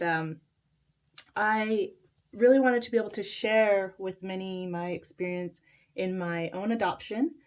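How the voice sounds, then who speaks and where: Halting woman telling her story. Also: on the low side. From Costa Rica, raised in Utah. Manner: halting, with many fillers and restarts. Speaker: guest, author. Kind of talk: casual interview talk.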